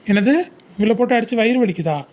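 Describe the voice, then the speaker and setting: A woman playing a quick-talking, gentle father. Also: on the high side, natural voice. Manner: gentle coaxing. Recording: dull lo-fi sound.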